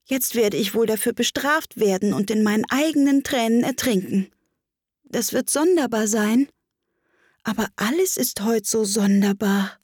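A woman's voice: on the high side, moderate pace, a little mellow, husky, dry recording, clean studio sound, pitched above the performer's own voice. A woman voicing a polite, curious young girl who chatters eagerly and apologizes in a rush. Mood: wistful.

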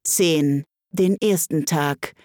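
A woman voicing a melancholy mock turtle in a storybook reading, speaking slowly with sighs. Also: deep voice, a little mellow, dry recording, clean studio sound. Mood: mournful. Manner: slow, sighing and plaintive. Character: melancholy sighing mock turtle, slow and mournful.

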